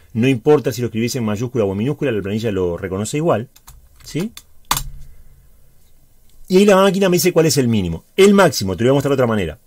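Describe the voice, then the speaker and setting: A man with a Uruguayan Spanish accent, a high school teacher giving a chatty spreadsheet tutorial, explaining step by step and checking in with the viewer often. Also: a little mellow, no room sound.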